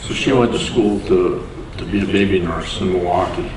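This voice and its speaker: Far from the microphone in a noisy, echoing community hall, an older interview guest from Door County, Wisconsin, spins unhurried, plainspoken stories and chuckles along with them. His voice is low-pitched and his pace moderate.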